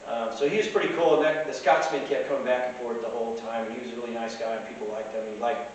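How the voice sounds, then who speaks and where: A man's voice: mid-range voice, steady tone, fast. A middle-aged man, a tavern keeper, telling a casual rambling anecdote full of restarts and fillers, recorded inside the tavern. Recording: very echoey, distant, faint hiss.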